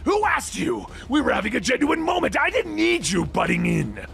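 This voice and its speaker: Shrieking unhinged cyborg. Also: male voice, huge pitch swings, normal speed, vocal fry, full character voice. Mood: furious. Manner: shrill shouting, mood swings from needy to murderous. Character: manic unhinged male cyborg Spider-Man, violent.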